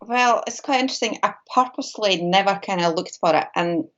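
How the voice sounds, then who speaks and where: A Latvian woman, a native speaker of Latvian, appears as a guest medium and shamanic practitioner in a casual interview over a video call, discussing mediumship. Her mid-range voice moves fairly quickly with a fairly bright tone, though the audio is dull. She talks hesitantly, with lots of fillers and restarts.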